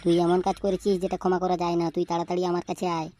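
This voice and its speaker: A woman voicing a stern male schoolteacher in a cartoon, talking quickly as he interrogates and threatens his pupils. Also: lowish voice, level tone, background noise, lightly acted. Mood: scolding. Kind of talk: cartoon voice acting.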